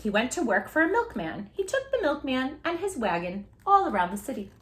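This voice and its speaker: A woman's high, fairly bright voice has a sing-song quality and a slightly fast pace as she hosts a children's storytime. She reads the picture book expressively and speaks with great enthusiasm straight to the kids.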